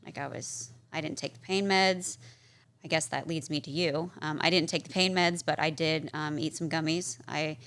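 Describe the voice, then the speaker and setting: A woman telling her story as a guest in a casual interview, chatty and full of "like" and "um", lively when she acts out what people said. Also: low-pitched, moderate pace. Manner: chatty, peppered with "like" and "um"; animated, acts out quoted people. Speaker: podcast guest. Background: interviewer's short backchannels.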